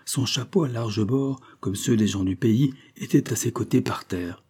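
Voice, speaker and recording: A man reading a classic story aloud in a steady, measured way. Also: mid-range voice, breathy edge. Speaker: audiobook reader. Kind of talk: scripted narration of a classic novel.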